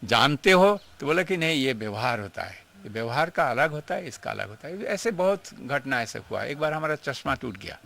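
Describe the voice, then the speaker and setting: A man's voice: medium pitch, big pitch swings, normal speed, vocal fry, few pauses, a bit bright. An older man recalls his years with his guru in an interview, telling the story in an earnest, emotional way. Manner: emotional, earnest storytelling, mixing in English phrases. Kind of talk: reminiscing interview.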